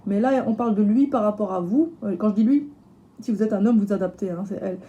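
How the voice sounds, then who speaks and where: A woman with a slightly hoarse voice, chatting casually through a tarot reading with lots of fillers and restarts. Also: medium pitch, fast talker, warm tone, highs cut off. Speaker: tarot reader.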